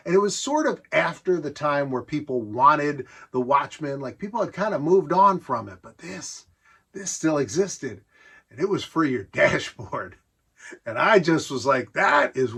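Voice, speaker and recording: In a relaxed, nostalgic show-and-tell of vintage gadgets, a middle-aged American presenter rambles conversationally with enthusiasm. His slightly high voice is sing-song and a little slow, sharp in tone with a breathy edge.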